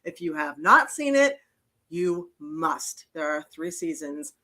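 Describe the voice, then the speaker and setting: A woman's voice: low-pitched, big pitch swings, slow, sharp tone. A woman hosting a casual live stream, chatting and greeting viewers as they arrive. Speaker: host.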